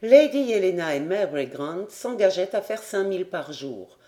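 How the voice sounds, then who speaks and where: An audiobook narrator reading a classic adventure novel aloud, steady and clear. The voice sits in a middle register and keeps an even, unhurried flow between the characters' lines. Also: medium pitch.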